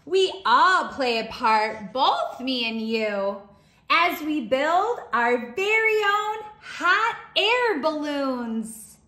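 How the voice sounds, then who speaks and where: In a roomy, echoing indoor space, a woman with a high voice reads a storybook to young children. As their teacher, she reads with deliberate pacing and lots of expression.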